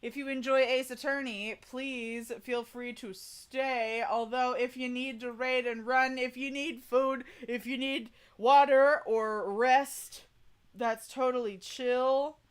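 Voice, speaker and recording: A woman's voice: sits high, steady tone, slow, clean tone. A woman streamer chatting casually and informally with her viewers during a livestream. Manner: chatty, informal, folksy "y'all". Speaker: VTuber streamer, voice coach.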